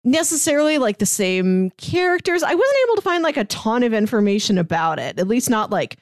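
A woman co-hosts a podcast in a casual, chatty way, chuckling often as she talks. Her voice is on the high side, sing-song and a little fast, recorded with a dry, clean studio sound.

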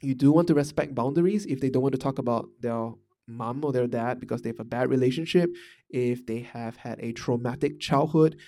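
A Malaysian man with a mellow, medium-pitched voice hosts a podcast about management. He thinks aloud in a casual monologue, full of fillers and restarts.

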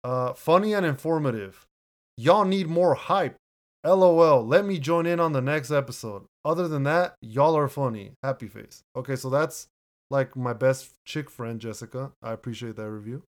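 A man with a deep voice co-hosts a relaxed podcast from home. He reads listener reviews aloud in an easygoing way, often laughing and restarting his words. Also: moderate pace. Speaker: podcast co-host. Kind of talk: casual chat reading listener reviews. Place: home room, recording remotely.

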